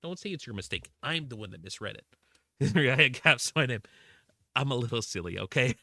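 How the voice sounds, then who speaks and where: A streamer plays a block-building game and chats easily with his audience, welcoming viewers warmly and joking about himself. He speaks at normal speed in an animated, medium-pitched voice, recorded dry with clean studio sound.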